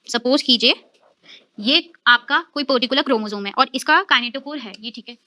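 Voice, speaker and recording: Brisk Indian woman teacher, high and bright, explains step by step to her students. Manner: explains step by step, keeps checking with "ठीक है"; addresses students as children. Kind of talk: recorded online class lecture.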